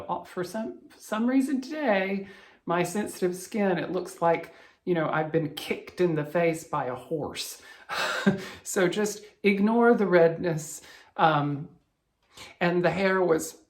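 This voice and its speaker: A man from Alabama hosting a cross-stitch video channel, talking in a chatty, rambling, self-deprecating way. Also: a little high. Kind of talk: casual chatty vlog.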